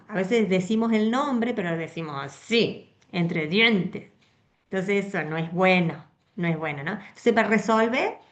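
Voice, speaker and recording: A woman with a Rioplatense Spanish accent giving a conversational, expressive Bible talk to a women's meeting, often checking in with her listeners. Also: medium pitch, lo-fi sound. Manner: conversational, frequent tag questions, expressive. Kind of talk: Bible teaching to a women's group.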